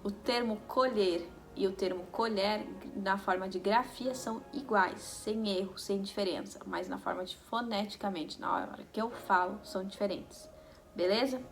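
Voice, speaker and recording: A woman's voice: medium pitch, normal speed. Woman, teacher, step-by-step explanations, music playing underneath. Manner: explains step by step with rhetorical checks. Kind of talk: video lesson.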